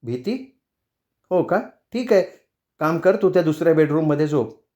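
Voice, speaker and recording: A man's voice: on the high side, animated, moderate pace, darkish tone, voice pushed up, natural voice. A man reading the lines of a bold, wary middle-aged woman in a storybook, with a slightly raised voice. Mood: calm.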